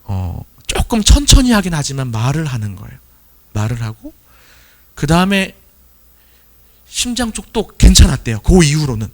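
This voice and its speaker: A man's voice: fairly high pitch, big pitch swings, moderate pace, long pauses, darkish tone. A man, a pastor, giving a sermon testimony and telling a story with acted quotes.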